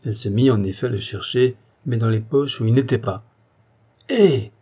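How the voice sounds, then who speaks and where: A man narrating a historical novel as an audiobook, with steady, dramatic storytelling. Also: medium pitch, fairly quick, breathy edge. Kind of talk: scripted narration.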